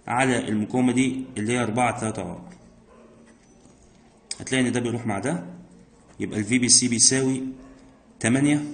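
A man with an Egyptian accent, teaching physics by working exam problems step by step, asking himself questions and answering them. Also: medium pitch. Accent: Egyptian Arabic. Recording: roomy echo.

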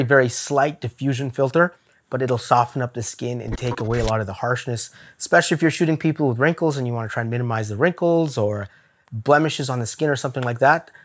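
A man's voice: mid-range voice, brisk, slight background noise. Chatty male camera gear vlogger. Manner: chatty, laughs often, candid opinions. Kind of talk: casual gear review vlog. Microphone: camera-mounted shot on a zoom lens.

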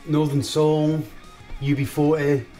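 A man's voice: fairly high pitch, level tone, slow, mellow, far from the mic, faint music behind. A man in his thirties, a guest musician in a casual interview, speaking hesitantly with many ums and easy laughs. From England and Scotland. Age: 30s. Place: small home studio. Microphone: desk microphone.

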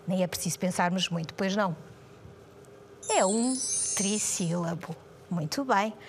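A woman teacher with a European Portuguese accent, running a quiz game for young pupils, lively and encouraging, asking questions and answering them herself. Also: on the high side, slight background noise. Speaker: primary school teacher. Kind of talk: online language lesson with a quiz game. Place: home or studio, recorded alone.

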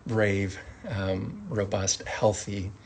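Man, slow relaxed teacher, medium pitch, soft-spoken, faint background hiss. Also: creaky. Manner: slow, soft-spoken, acts out example phrases. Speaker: sign language teacher. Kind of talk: casual spoken lesson.

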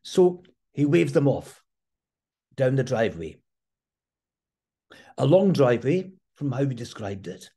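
A man slowly and thoughtfully telling an earnest personal story from his past. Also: medium pitch, very animated, warm tone, husky.

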